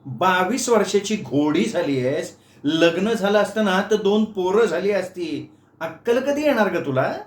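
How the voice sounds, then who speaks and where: A man's voice: sits high, animated, measured pace, roomy sound, voice pushed up. A man doing a snapping, scolding aunt. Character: scolding middle-aged aunt, short-tempered.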